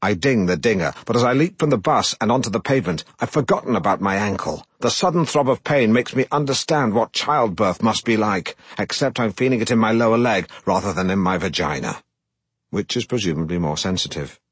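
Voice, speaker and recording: A middle-aged man narrating a comic first-person audiobook with a deadpan, self-important delivery. His voice sits low and a little husky, and it is recorded close and dry in a studio. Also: brisk, dry recording.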